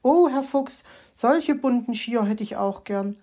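A woman's voice: fairly high pitch, unhurried, darkish tone. Borstel, an eager little hedgehog boy, read by a woman. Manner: eager, polite.

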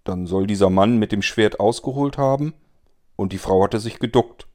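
A man voicing a skeptical middle-aged caretaker in a read-aloud story, measured and slightly irritated. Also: on the low side, darkish tone, natural voice.

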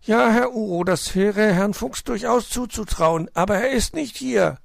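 A man voicing a brisk, motherly female hedgehog who snuffles as she talks. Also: vocal fry, dry recording, studio quality, full character voice. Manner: high, brisk, snuffling "nuff nuff".

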